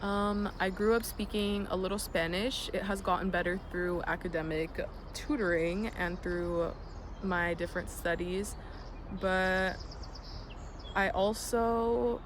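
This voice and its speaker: A young American vlogger talks in a reflective personal vlog, earnest and thoughtful, with lots of ums and a bit of casual swearing. The voice sits in the mid range, steady in tone and a little slow. Birds and passing vehicles make the background noisy.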